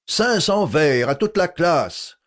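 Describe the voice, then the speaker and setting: A man's voice: medium pitch, huge pitch swings, slow pace, husky, voice pushed up, heavily acted. A man voicing a stern, irritable male schoolmaster who barks short commands at his class. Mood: stern, shouting.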